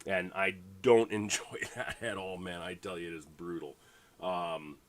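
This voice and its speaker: A man's voice: sits low, fairly even intonation, unhurried. A congested man hosting a fantasy football draft livestream, chatting casually and rambling with lots of fillers and restarts. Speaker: fantasy league host.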